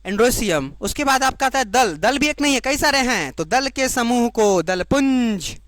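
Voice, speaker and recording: A woman teaching biology to exam students, repeating each key term slowly and checking that the class follows. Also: on the high side, expressive, no echo. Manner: explains in Hindi, giving the English term for each.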